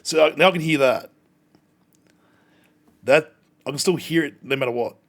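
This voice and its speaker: A man's voice: on the high side, moderate pace, fairly bright tone. A man chatting casually on a game livestream, rambling in a mildly exasperated way. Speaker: game streamer.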